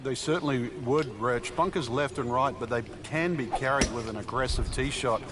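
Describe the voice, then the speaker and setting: A man playing a golf commentator, a measured, encouraging analyst who talks conversationally with some hesitation. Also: mid-range voice, background noise, close to an everyday voice. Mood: measured, analytical.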